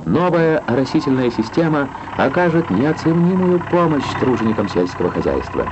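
A man's voice: medium pitch, very animated, normal speed, heavy background noise. Man, Soviet newsreel announcer with sweeping intonation. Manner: declamatory, lyrical, solemn phrasing. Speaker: newsreel narrator. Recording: dull 1960s film soundtrack, loud music.

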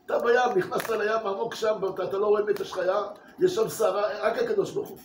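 High-voiced rabbi in an echoey synagogue. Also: male voice, noisy background. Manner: animated, rhetorical questions, repeats words. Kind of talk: Torah class to a congregation. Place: synagogue hall. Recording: echoey room from a distance.

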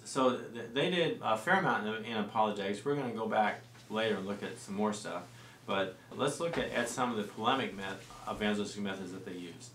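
A man in his forties explaining early church history in a studio discussion, relaxed and full of fillers and restarts. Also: on the low side. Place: small studio set with lamp and plants. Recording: roomy and distant-sounding with faint noise.

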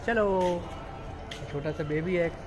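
A man's voice: sits high, slow, music in the background. A young man in his twenties chatting casually to viewers while filming a vlog on a phone at arm's length. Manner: chatty, addresses viewers as friends. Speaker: vlogger. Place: apartment complex gym and game room, indoors and outdoors. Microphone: phone camera held at arm's length. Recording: noisy phone recording.

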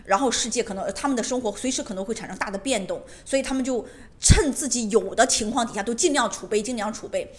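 A woman's voice: a little high, fast. A woman giving a casual monologue to camera at home, emphatic and repetitive, often asking rhetorical questions. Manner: emphatic, repeats phrases, asks rhetorical questions. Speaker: lifestyle vlogger on decluttering. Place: her home.

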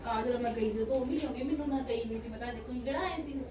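A woman's voice: fairly high pitch, rapid-fire, distant mic. A woman with a Punjabi accent chatting casually with family in an emphatic, repetitive way. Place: echoey room in a family home. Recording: very noisy, echoey, off-mic home recording.

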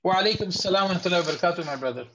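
A man teaching a beginners' lesson online, patiently correcting students and slowly demonstrating each sound. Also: high-pitched, lively intonation, noisy background. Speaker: Tajweed teacher. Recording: slightly dull lo-fi audio.

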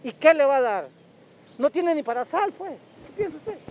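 A man's voice: extremely high pitch, animated, moderate pace, a little mellow, highs cut off, slight background noise. A man with a Honduran accent interviewing people outdoors, probing and sympathetic, sometimes lecturing them. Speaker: reporter. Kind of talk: street interview questions. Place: outdoors at a roadside camp. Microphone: handheld mic.

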